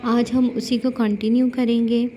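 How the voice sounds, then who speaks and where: A woman teaching a grammar lesson, reading word lists slowly and clearly and correcting common mispronunciations. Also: a little high, little pitch movement, warm tone. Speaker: Urdu teacher. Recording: faint background noise.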